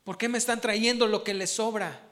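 A man's voice: high voice, moderate pace. A man preaching a sermon, asking his congregation questions as he goes. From Mexico. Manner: animated, asks the congregation questions.

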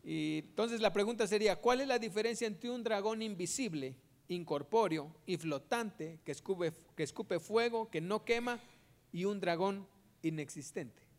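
A man's voice: high-pitched, normal speed. A man preaching in a conversational way, asking the audience rhetorical questions.

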